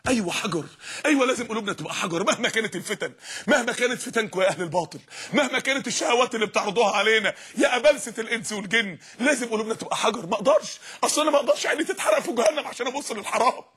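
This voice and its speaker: An Egyptian man preaching an impassioned sermon, shouting repeated refrains. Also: very high voice, expressive, very fast, husky.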